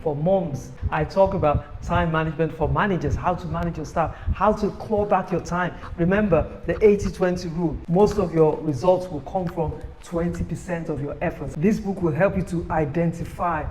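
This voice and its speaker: A man giving an upbeat, persuasive sales pitch for his own book, recorded on a phone camera. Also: moderate pace, hardly any pauses, a little mellow, slight background noise, rough recording. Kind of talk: motivational self-promotion video.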